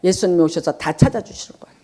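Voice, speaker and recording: A woman's voice: on the low side, quick pace, warm tone. A woman pastor preaching a Sunday sermon, putting questions to the congregation and acting out quoted voices. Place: church.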